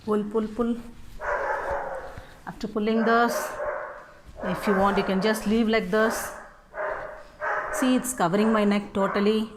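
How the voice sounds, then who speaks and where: Slow-talking woman demonstrating scarf styles. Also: mid-range voice, fairly even intonation, very noisy. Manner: unhurried step-by-step instructions with frequent "no?" tags. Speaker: scarf styling tutorial host. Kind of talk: casual how-to demonstration.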